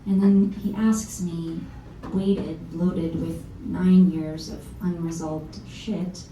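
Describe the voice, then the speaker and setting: A blunt, self-mocking singer-songwriter of around thirty who has come back home. She confides and swears casually in a very dark, mellow voice. She is heard from a distance in a roomy venue, with a faint instrument playing behind her. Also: fairly low pitch, steady tone, slow, slight background noise. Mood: wry, confessional. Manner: frank, wry, confessional, swears casually. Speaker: lead actor in a one-woman musical. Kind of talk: stage monologue at a live reading. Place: small performance venue.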